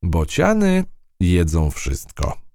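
A man's voice: deep voice, huge pitch swings, takes it slowly, dark tone, no room sound, studio quality, heavily acted. A man voicing a tough, one-eyed female field mouse in a storybook reading, brash and scolding. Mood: complaining.

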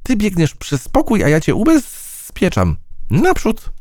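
A man voicing an excitable female fly with a squeaky, stammering voice, pitched far above his own. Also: a little slow, dry recording, clean studio sound, full character voice. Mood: excited.

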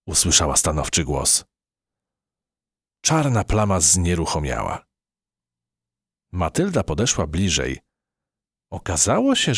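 A man narrating a children's audiobook in an expressive storytelling manner. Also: low voice, no echo, clean studio sound.

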